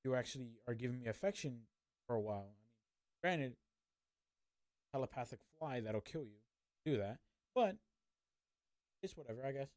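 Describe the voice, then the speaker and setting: A man's voice: medium pitch, lively intonation, moderate pace, long pauses, a little mellow, no echo. A man streamer giving casual, rambling commentary on a story, full of fillers and hedges.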